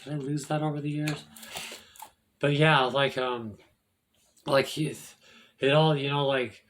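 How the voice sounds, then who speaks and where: A man hosting his own video, casually explaining in a rambling, halting way, restarting sentences and correcting himself. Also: on the high side, little pitch movement, a bit bright, a little hiss or hum. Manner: self-correcting, laughs at own slips. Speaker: occult video host.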